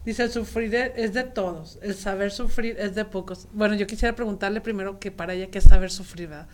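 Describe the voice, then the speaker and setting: A woman's voice: mid-range voice, a little fast. A woman co-host with a Mexican Spanish accent, chatting casually and acting out quoted voices while telling a story. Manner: lively storytelling, quotes others, colloquial. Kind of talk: casual panel talk.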